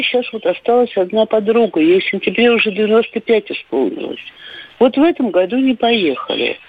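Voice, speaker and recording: An older woman calling in to a radio show, her voice coming through a tinny, dry phone line. She talks chattily and reminisces, her pitch rising and falling in lively swings. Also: dry recording. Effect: caller heard over a phone line on the radio. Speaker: radio caller. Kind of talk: call-in story.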